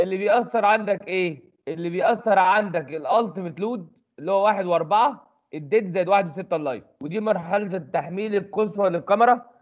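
A man with an Egyptian accent runs through a lecture at a quick clip, his voice pitched high for a man. He keeps asking rhetorical questions and answering them himself. The recording sounds dull and lo-fi. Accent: Egyptian Arabic. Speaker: engineering tutor.

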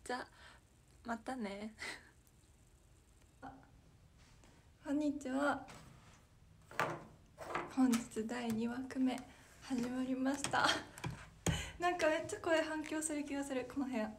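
A woman's voice: high voice, steady tone, slow pace, pauses often, background noise. A young woman idol chatting casually on a livestream, apologetic and giggly, answering viewer comments. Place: small room with echo.

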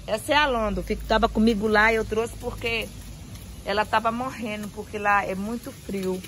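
An effusive woman showing off her home garden, talking into a handheld phone outdoors. Her pitch sits in an ordinary middle range. She keeps admiring every plant aloud, with a faint hiss of noise behind her. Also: fairly even intonation, moderate pace, a bit bright, rough recording. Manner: effusive, admiring, repeats praise often. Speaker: vlogger giving a garden tour. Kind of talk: casual garden tour vlog.

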